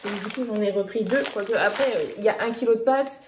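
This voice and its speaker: A woman's voice: medium pitch, fast. Chatty woman in an echoey room. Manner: chatty, many restarts and fillers. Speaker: vlogger. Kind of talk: casual grocery haul chat. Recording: echoey room, faint noise.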